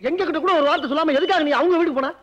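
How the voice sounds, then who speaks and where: An actor playing a loyal, optimistic young male friend who argues in an excitable, heated way in film drama dialogue. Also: very high voice, racing. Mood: arguing.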